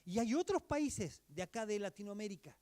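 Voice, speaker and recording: A man preaching a sermon as pastor, earnest and exhorting, moving between emphatic lines and hushed asides. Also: sits high, sing-song, normal speed.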